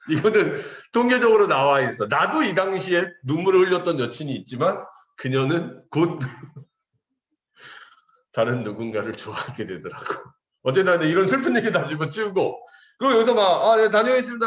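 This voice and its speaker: A man in his forties tells his class a story in a joking, animated way, acting out every voice he quotes. His pitch leaps up and down freely. The sound rings in a roomy echo. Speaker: English teacher. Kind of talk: casual storytelling to students.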